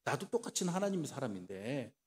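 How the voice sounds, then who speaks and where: A man voicing an older male prophet who coaxes a traveler to come and eat with him and later scolds him sternly. He speaks low. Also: big pitch swings, fairly quick, slightly rough. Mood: coaxing.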